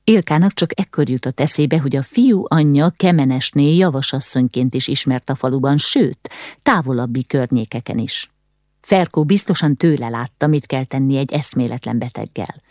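A woman reading a novel aloud in measured, steady audiobook narration. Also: a bass voice, no echo, studio quality.

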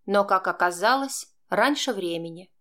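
A woman reads a dramatic first-person novel aloud in a voice of middling pitch. Her telling stays tense and confessional, as if she were recalling her own fear. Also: expressive, normal speed, a bit bright. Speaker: narrator. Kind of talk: first-person audiobook narration.

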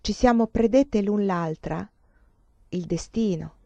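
A woman voicing a worldly, pleasure-loving young courtesan who speaks to her sister gently and slowly, in a dull lo-fi recording. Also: mid-range voice, no room sound. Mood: reproachful.

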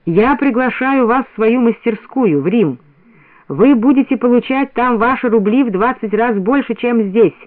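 Guy voicing a pompous foreign bell maker, high voice, slow and careful, dry radio audio. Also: expressive, no echo. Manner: slow, careful, broken speech. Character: pompous foreign male bell-casting master. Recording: dry, narrow radio sound.

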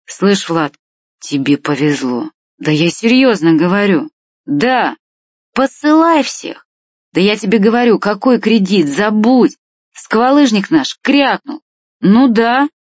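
A woman's voice: deep voice, animated, takes it slowly, dry recording, exaggerated voice. A woman voicing a sleepy, crude, greedy man of about thirty who talks casually and coarsely, in a dry, dull audiobook recording.

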